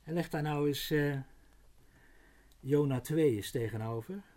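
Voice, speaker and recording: A middle-aged man preaching a Bible sermon, unhurried, slowing to stress words, with frequent small tag questions and restarts. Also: a little high, dark tone.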